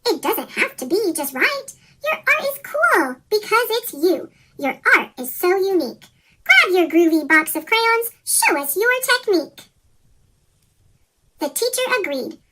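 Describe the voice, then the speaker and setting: A reader of a rhyming children's picture book, voice pitch-shifted into a chipmunk effect, reading in a sing-song way. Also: very animated, unhurried, sharp tone. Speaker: storybook reader.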